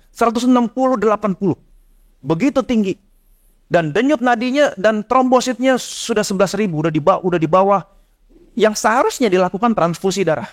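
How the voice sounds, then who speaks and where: A man's voice: sits high, no room sound. A middle-aged man, a pastor, telling an earnest testimony in a sermon and repeating his phrases. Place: church.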